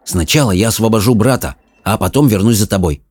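An audiobook narrator voicing a calm, firm young boy. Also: on the low side, a little fast, breathy edge, dry recording. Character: brave, practical young boy.

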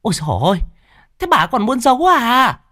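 A man voicing a greedy, sharp-tongued young wife in a ghost story, in a shrill, scornful voice. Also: very animated, brisk, no echo, clean studio sound, exaggerated voice. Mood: shrill outrage. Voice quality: shrill, piercing. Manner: scornful and cold.

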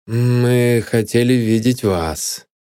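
A man's voice: medium pitch, slow pace, dark tone, smooth, dry recording, studio quality, close to an everyday voice. A man voicing a shrewd, blunt police detective in an audiobook, speaking matter-of-factly.

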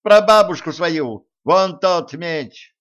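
A man voicing a feisty, bossy young woman who shouts her lines in a raised voice. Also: normal speed, highs cut off. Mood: bossy shouting. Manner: shrill, shouting.

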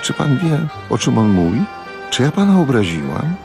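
A man's voice: medium pitch, big pitch swings, normal speed, creaky, over music, pitched above the performer's own voice. A man voicing a touchy, glamorous woman with a theatrical, indignant manner in a radio audiobook reading.

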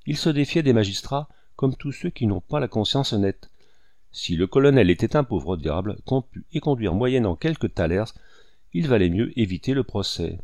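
A man narrates a classic novel with steady, expressive storytelling. His voice is on the low side. The sound is close and dry, with no room echo. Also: normal speed. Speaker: audiobook narrator. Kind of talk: literary audiobook narration.

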